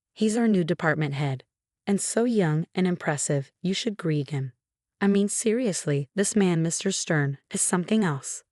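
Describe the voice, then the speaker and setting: A woman's voice: on the low side, a little mellow, no echo, studio quality, close to an everyday voice. A woman voicing a cheerful male coworker who talks in a gleeful, chatty way. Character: cheerful adult male office colleague.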